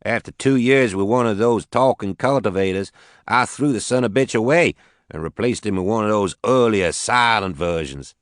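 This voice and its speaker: A man's voice: on the low side, normal speed, no echo, clean studio sound, pitched above the performer's own voice, close to an everyday voice. A male narrator voicing a blunt, crude farmer from the rural American South, with a Southern accent, curse words and all. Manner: crude, blunt, folksy cursing.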